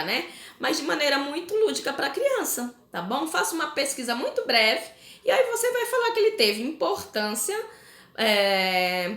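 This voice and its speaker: A fairly high-voiced woman teacher with a Brazilian Portuguese accent explains homework to parents. She talks in a chatty, friendly way and keeps checking in with quick tag questions. The recording sounds roomy and echoey. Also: fairly bright tone. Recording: echoey room.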